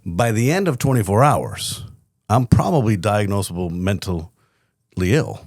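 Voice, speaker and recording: A middle-aged man with a very low voice tells candid stories about his past, reflective and given to short laughs. The sound is close and dry, with no room echo. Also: sing-song, moderate pace, a little mellow. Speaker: podcast guest, company CEO. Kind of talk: casual interview storytelling.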